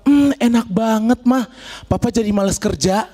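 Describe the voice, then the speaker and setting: A man's voice: high voice, moderate pace, dark tone. A man voicing a gushing, dopey husband from an exaggerated food commercial in a stand-up act, savouring everything melodramatically. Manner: over-the-top, savouring, melodramatic.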